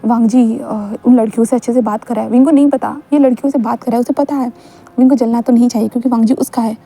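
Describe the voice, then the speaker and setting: A woman's voice: on the high side, fairly even intonation, fast talker, dark tone, slightly rough. A woman casually narrating a fan-fiction story and chatting directly to her listeners.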